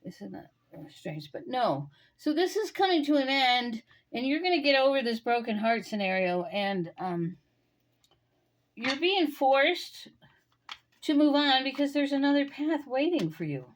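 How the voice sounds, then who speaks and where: A woman with a somewhat high voice gives a tarot reading. She muses aloud, speaks straight to the listener and fills pauses with soft fillers. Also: sing-song. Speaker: tarot reader.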